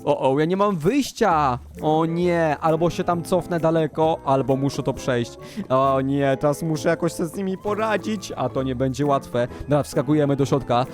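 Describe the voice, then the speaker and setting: A young man giving playful, excitable commentary on a Minecraft game to young viewers. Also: fairly high pitch. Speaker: gaming channel host. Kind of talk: Minecraft let's play commentary.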